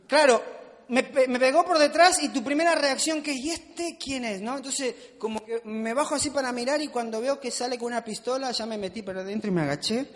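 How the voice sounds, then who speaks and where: A man's voice: extremely high pitch, a little fast, fairly bright tone. A male preacher giving a conversational sermon with self-mocking humor, asking the audience questions. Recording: long hall reverb.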